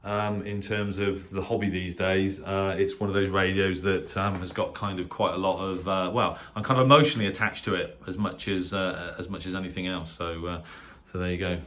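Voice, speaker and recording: A middle-aged English man with a low, a bit bright voice talks fairly quickly with fairly even intonation and hardly any pauses, though he still comes across as hesitant and rambling. He's a shortwave radio hobbyist and channel host casually touring his small spare-bedroom shack without a script. The home recording is clearly noisy.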